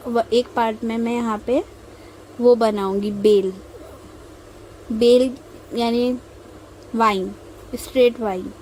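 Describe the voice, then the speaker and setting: A young Indian woman hosts a mehndi tutorial, giving an instructional voice-over while drawing in a calm, slow, patient manner with frequent pauses between steps. Her voice sits a little high but is mellow and warm rather than bright. The recording is low quality, with a faint hiss underneath.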